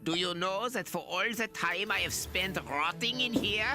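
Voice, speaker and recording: A man's voice: sits high, normal speed, over music, natural voice. An actor playing an arrogant, gleeful male mad scientist locked in a cell, speaking with a German accent in a theatrical, grandiose way. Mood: gloating.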